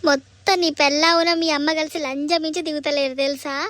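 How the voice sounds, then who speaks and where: A woman's voice: high-pitched, steady tone, a little fast, a bit bright, no room sound. A woman voicing an aggrieved young village woman with a Telangana accent, complaining plaintively. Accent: Telangana Telugu.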